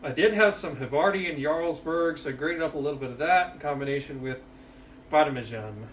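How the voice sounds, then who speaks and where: A swearing, rambling man talks through a home cooking session with plenty of "uh"s, his voice sitting a bit high. The sound is roomy and a little off-mic, with faint music underneath. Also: brisk, far from the mic, a little hiss or hum. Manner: profane and rambling, with many fillers. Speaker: cooking show host. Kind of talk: casual cooking vlog chat. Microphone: headset.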